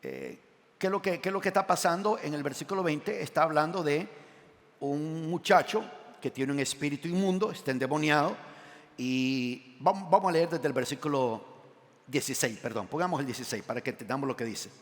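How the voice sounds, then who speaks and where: Pastor preaching in a reverberant church. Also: male voice, brisk. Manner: asks the congregation questions and reads scripture aloud; animated, swinging between loud emphatic lines and quiet low asides. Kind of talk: sermon. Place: church sanctuary. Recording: long church hall reverb.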